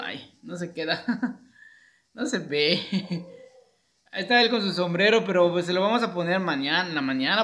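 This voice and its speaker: With a high-pitched, sharp voice, this man is a schoolteacher having a playful conversation with a puppet. He passes along hellos to his students and laughs readily throughout the casual exchange.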